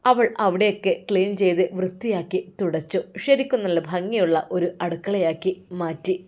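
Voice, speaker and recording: Woman storyteller, steady narration. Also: lowish voice, normal speed.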